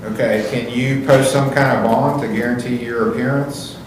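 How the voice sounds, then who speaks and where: A man's voice: medium pitch, steady tone, moderate pace. A man speaking as a judge, questioning a defendant in a formal, matter-of-fact, procedural way in a courtroom. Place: echoey courtroom. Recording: very echoey room, faint noise.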